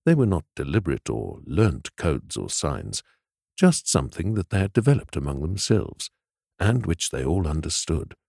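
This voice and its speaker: A male audiobook narrator with a very low voice that still swings expressively through each sentence. The read is dry and close, with no room around it. He tells the story in a measured, steady way. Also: vocal fry, dry recording.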